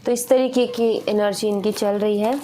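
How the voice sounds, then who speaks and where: A woman's voice: mid-range voice, steady tone, normal speed, dark tone, slight background noise. A woman giving a tarot reading, earnest and repetitive, often slipping in "you know". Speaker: tarot reader.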